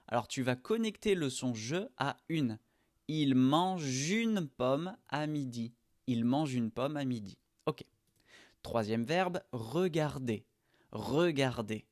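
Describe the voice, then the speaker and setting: Male language teacher, unhurried and precise, recorded dry and close. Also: medium pitch, dry recording. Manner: slow, carefully articulated model sentences. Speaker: French teacher. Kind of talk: pronunciation lesson.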